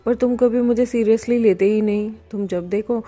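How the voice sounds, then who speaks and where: A woman's voice: fairly high pitch, steady tone, normal speed, mellow, close to an everyday voice. A woman voicing a shy, easily embarrassed young man who speaks earnestly. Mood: inner thoughts.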